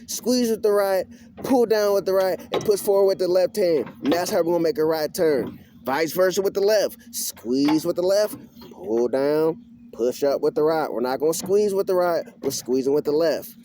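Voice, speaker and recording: Folksy country-talking guy doing a casual how-to, kinda higher voice, some noise around him outside. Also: warm tone. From rural area. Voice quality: colloquial country phrasing. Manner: folksy, repeats instructions step by step. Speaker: instructor. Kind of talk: casual hands-on tutorial. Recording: clear background noise, outdoor ambience.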